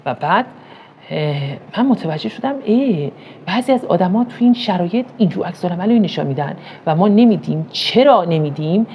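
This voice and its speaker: A woman's voice: fairly low pitch, animated, mellow, slight background noise. A middle-aged woman from Iran giving a motivational talk on parenting, asking rhetorical questions and telling stories with emphasis.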